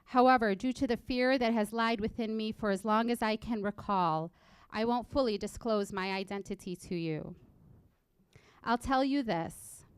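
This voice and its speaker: At a college library event, a student speaker of nineteen, originally from Egypt but brought up in Illinois, earnestly reads a personal story she prepared. She speaks in a measured way with a medium-pitched, clean tone, and there's no room sound.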